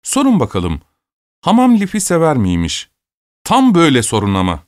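A man voicing a gang of excited, jeering eleven-year-old schoolboys who shout and taunt. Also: a little high, normal speed, no echo, clean studio sound, voice pushed up.

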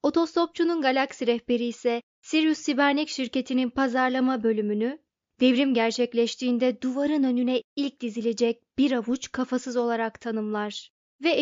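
Woman reading an audiobook, higher voice. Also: darkish tone, dry recording. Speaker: audiobook narrator. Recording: dull, dry lo-fi recording.

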